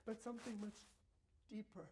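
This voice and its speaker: A young man performing a dramatic prose interpretation as a college competitor, halting and repeating phrases, swinging from hushed lines to shouting. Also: sits high, little pitch movement, slightly rough. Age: young adult.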